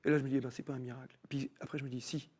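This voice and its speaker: A man telling his personal faith story as a TV guest, in an animated storytelling manner with many restarts. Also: mid-range voice, very fast. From France. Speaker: guest musician. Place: TV studio.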